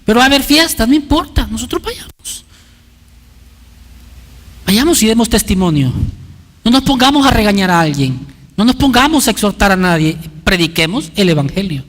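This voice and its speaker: A man's voice: high voice, very animated, moderate pace, pauses often, a bit bright, big-room sound. A man preaching a sermon as pastor, emphatic and urging his listeners with repeated appeals. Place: church sanctuary.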